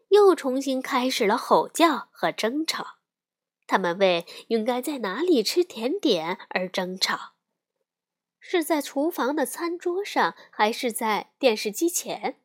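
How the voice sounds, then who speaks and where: Slow, expressive woman reading a storybook. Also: on the high side.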